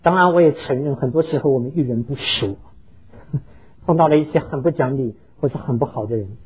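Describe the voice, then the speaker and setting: A man's voice: mid-range voice, brisk, slightly rough, narrow, tinny audio. A pastor preaching a sermon, earnestly telling stories and slipping English words into his talk. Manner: earnest, heartfelt storytelling.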